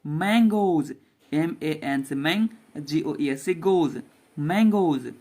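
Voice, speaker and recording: A man's voice: on the high side, lively intonation, dark tone. A man teaching a basic English reading lesson to children, spelling each word out letter by letter and repeating it. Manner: spells words letter by letter and repeats them slowly.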